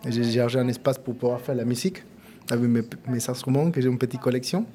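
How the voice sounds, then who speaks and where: Speaking fast in a mid-range, dark-toned voice with fairly even intonation, this Argentine man answers informally in a casual interview. He's a native Spanish speaker with an Argentine accent, a musician and café co-founder who often repeats words.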